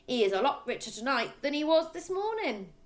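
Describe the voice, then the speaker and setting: A woman voicing a boastful, crooked father who sells used cars, with a loud, smug, emphatic delivery, in a children's storybook reading. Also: high-pitched, very animated, brisk, voice pushed up. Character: boastful, crooked middle-aged father, a used-car dealer.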